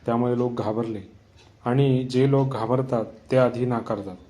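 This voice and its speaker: A grave old village schoolmaster speaks slowly and knowingly, as a male storyteller voices him. His voice is dark and mellow, in a spoken horror tale. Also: medium pitch, fairly even intonation, natural voice. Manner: grave and measured.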